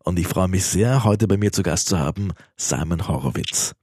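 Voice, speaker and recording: A man's voice: sits low, expressive, moderate pace, a little mellow, breathy edge, dry recording. A man hosting a radio podcast interview in a studio, chatty and teasing. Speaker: podcast host.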